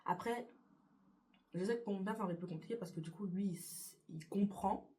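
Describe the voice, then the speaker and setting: A young adult YouTuber sits by a window in her bedroom, casually answering get-to-know-me vlog questions in a fairly quick, mid-range voice with a darkish tone. She frequently hesitates and restarts her sentences, using many fillers.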